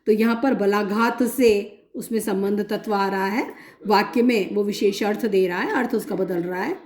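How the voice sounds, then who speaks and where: A woman lecturing on linguistics in a methodical way, explaining with many examples and pausing often. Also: mid-range voice, darkish tone, roomy sound. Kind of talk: recorded academic lecture.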